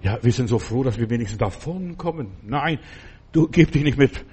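An older man preaching a sermon, exhorting listeners and retelling stories with animated energy. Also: mid-range voice, moderate pace, breathy edge.

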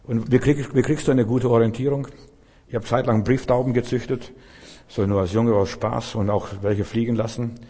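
A man's voice: mid-range voice, fairly even intonation, moderate pace, mellow, husky. A middle-aged man preaching a sermon, speaking directly to his listeners with repeated emphatic phrases. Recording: long hall reverb.

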